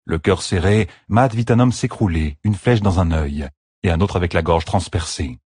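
A man narrating a fantasy battle audiobook with steady, dramatic storytelling. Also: deep voice, moderate pace, breathy edge, no echo, clean studio sound.

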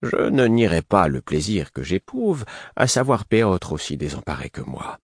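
A man voicing an older male spymaster who speaks in a measured, ironic way, in an audiobook. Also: sits low, very animated, no echo, clean studio sound, full character voice. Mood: wry.

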